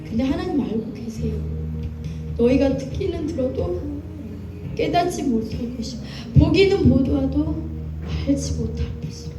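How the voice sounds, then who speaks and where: A woman's voice: sits high, animated, moderate pace. A woman preacher delivering an impassioned sermon, acting out quoted voices as she goes. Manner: impassioned, acts out quoted voices of God and youth. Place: church sanctuary. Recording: echoey hall, mic at a distance, music behind.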